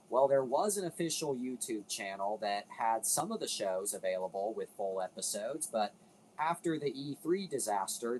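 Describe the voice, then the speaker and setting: A man's voice: lowish voice, darkish tone, a little hiss or hum, poor audio. Rambling man hosting casual commentary. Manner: rambling, self-interrupting, swears casually. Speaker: video host.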